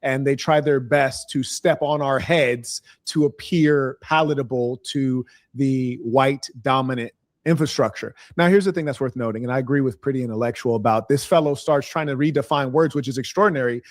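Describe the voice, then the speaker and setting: A man with a mid-range voice, recorded dry and close, making pointed, opinionated remarks. He is assertive and sardonic, with a steady, confident delivery. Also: medium pitch, normal speed, dry recording. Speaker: commentator. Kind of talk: opinionated commentary.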